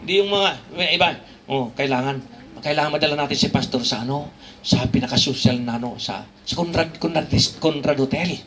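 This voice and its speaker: Man, Filipino accent, pastor, sermon, high-pitched, bright, humorous, emphatic. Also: brisk, a little hiss or hum. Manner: conversational, joking, switching between Tagalog and English, rising emphatic peaks.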